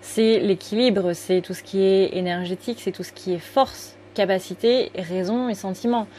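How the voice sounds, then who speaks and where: A woman's voice: medium pitch, normal speed, mellow, a little hiss or hum. A woman giving a casual, rambling tarot reading, full of fillers and self-corrections. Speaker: tarot card reader.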